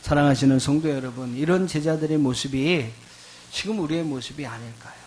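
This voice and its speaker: A man's voice: on the high side, brisk, darkish tone, a little hiss or hum. A man preaching a sermon as pastor of a church, earnest and emphatic, reading scripture aloud to the congregation. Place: church sanctuary.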